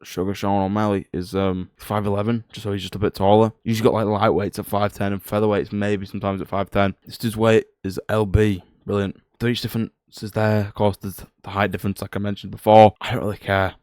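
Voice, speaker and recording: Young roadman guy doing fight picks, talks quick, lowish voice, sweary and fed up. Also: clear, resonant tone, no echo, studio quality. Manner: flat, low-energy, grumbling. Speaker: MMA prediction video host. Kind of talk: casual fight commentary.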